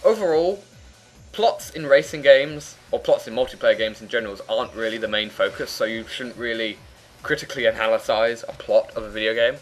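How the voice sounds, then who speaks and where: Man, medium pitch, casual let's play commentary, talkative, opinionated, faint music behind. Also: fairly quick. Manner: chatty, opinionated. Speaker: gaming commentator and player. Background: faint game music and sound.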